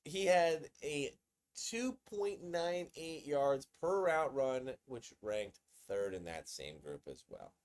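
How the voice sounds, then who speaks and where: Excitable man chatting about football. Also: medium pitch, slow pace. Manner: excitable, conversational, repeats himself. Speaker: sports video host. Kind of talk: casual sports commentary.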